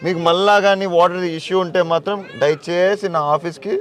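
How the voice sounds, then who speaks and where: A man, a politician touring a village outdoors, talking casually with villagers and children in a brisk, commanding, playful way. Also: sits high, steady tone.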